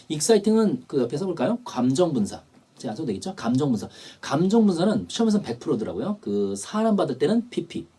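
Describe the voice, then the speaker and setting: A man's voice: mid-range voice, mellow, breathy edge. A man teaching an English test prep lecture, explaining grammar and repeating key terms.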